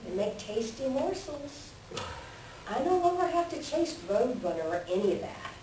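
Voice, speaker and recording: A woman's voice: high voice, very animated, normal speed. A woman playing a sly, self-serving coyote trickster with folksy, rustic speech in a readers theater animal tale. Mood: smug, boastful. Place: library readers theater performance. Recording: roomy, distant mic, faint background noise.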